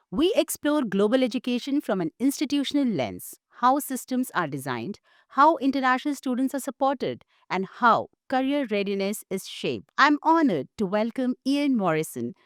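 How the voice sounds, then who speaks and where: A woman hosting a podcast, giving a formal introduction and asking interview questions in a measured way. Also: on the high side, no room sound, studio quality. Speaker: podcast host.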